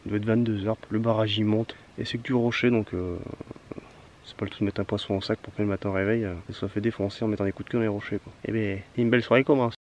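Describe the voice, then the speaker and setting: A man's voice: lowish voice, level tone, fast talker, a little mellow, a little hiss or hum. Chatty man vlogging outdoors by water. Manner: chatty, exclaiming, self-mocking. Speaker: fishing vlogger. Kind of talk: casual outdoor vlog to camera. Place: outdoors by a rocky reservoir.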